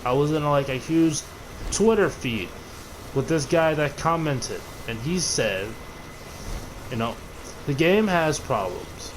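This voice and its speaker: A man's voice: a little high, expressive, slow, pauses often, background noise. A man ranting casually about a video game, rambling and cursing, often restarting his sentences. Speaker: gaming video creator. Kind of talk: casual gaming rant.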